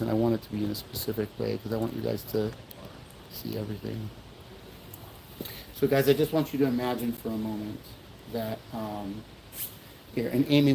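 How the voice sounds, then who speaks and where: A man speaks into his phone on a livestream outdoors at a memorial, earnest and rambling as he talks to his viewers. His voice has a gravelly, creaky edge at a middle pitch. Faint noise sits in the background. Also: a little mellow, poor audio. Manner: earnest, rambling, often apologizing and addressing viewers. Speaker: livestream host at a memorial event. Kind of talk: emotional livestream talk.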